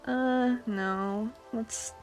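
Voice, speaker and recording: A young woman streaming casually while she draws, chatting to viewers, giggling and muttering quietly to herself as she works. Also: on the high side, fairly even intonation, drawn-out words. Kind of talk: casual art stream chat. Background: faint music.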